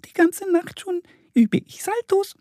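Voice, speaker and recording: A man voicing a tiny, clumsy girl bat with a squeaky, flustered voice. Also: animated, measured pace, darkish tone, dry recording, studio quality.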